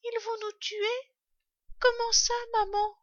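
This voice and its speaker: Brief: a woman playing a tiny fox cub, high squeaky child voice, frightened, bright. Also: little pitch movement, slow pace, no echo, lo-fi sound, heavily acted. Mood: scared. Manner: high, wide-eyed questioning.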